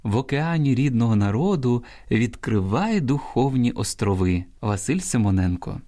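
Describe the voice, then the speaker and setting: Man with a low lively voice reading a radio language program. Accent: Ukrainian. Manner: measured, didactic reading with quoted examples. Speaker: radio presenter. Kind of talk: scripted language-program narration.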